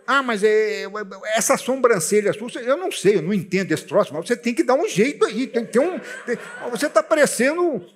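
A man's voice: sits high, fairly quick, few pauses, slight background noise. A man preaching a sermon as a pastor, telling stories and putting questions to the congregation. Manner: animated storytelling preacher, asks the congregation questions.

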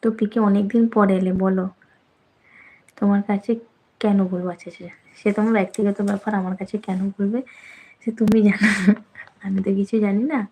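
Live-stream host, female, affectionate teasing chat with viewers, mid-pitched, slight fry. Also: fairly even intonation, a little fast, long pauses, warm tone, rough recording. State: slightly out of breath. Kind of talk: casual live chat reading viewer comments.

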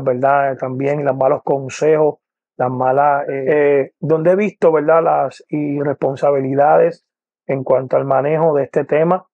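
Puerto Rican evangelist, 40s, earnest testimony, gravelly voice, dry close sound. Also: male voice, medium pitch, a little mellow, dry recording. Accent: Puerto Rican Spanish. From Puerto Rico. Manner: earnest, repeats "poderoso el nombre de Jesús", many "eh" and "¿verdad?". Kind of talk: personal testimony to camera. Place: indoor room with lamp, seated. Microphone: lapel mic.

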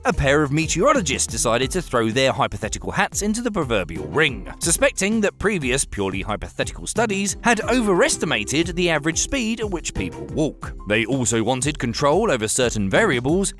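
A man's voice: on the high side, a bit bright. A middle-aged man narrating a science explainer in a wry, conversational, scripted way.

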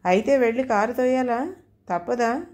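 A woman's voice: on the high side, normal speed, a little mellow, pitched above the performer's own voice, natural voice. Woman doing a fed-up husband, exasperated, storybook audio. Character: harried middle-aged husband, fed up.

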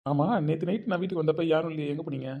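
A woman's voice: deep voice, racing, creaky, phone-quality sound. A woman voicing an earnest, curious young village man in a cartoon, eager and questioning. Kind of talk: cartoon voice acting.

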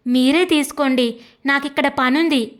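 A woman voicing a patient young daughter-in-law who speaks calmly but firmly in a narrated story. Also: high-pitched, moderate pace, lightly acted. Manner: calm, quietly firm.

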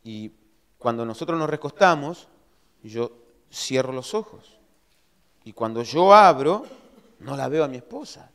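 A man preaching a sermon as pastor, telling stories in a lively way and acting out his own shouts. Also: medium pitch, unhurried, pauses often, clear, resonant tone. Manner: animated storytelling, acts out his own shouting. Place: church hall. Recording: long church hall reverb.

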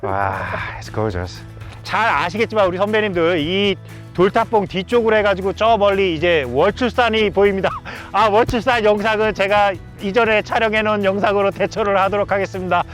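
Speaking a little fast, the travel vlogger stays on the windy mountain summit, his fairly high voice delivering courteous, formal presenter phrases punctuated by awed exclamations. Gentle music sits in the background.

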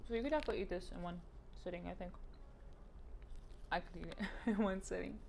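A woman casually reviewing a snack box, talking while chewing, in a chatty, relaxed way. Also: lowish voice, fast, gravelly, slight background noise. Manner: chatty, relaxed, trails off mid-sentence.

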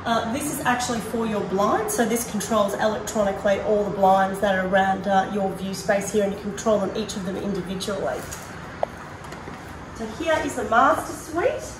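An Australian woman presents a prize home tour, narrating casually as she walks through hard-surfaced apartment rooms at a moderate pace in a medium-pitched voice. The sound is echoey and roomy, with a distant mic and background noise.

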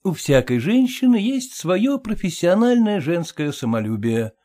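A man narrating an audiobook in an expressive, theatrical reading style. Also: high-pitched, a little slow. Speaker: audiobook reader.

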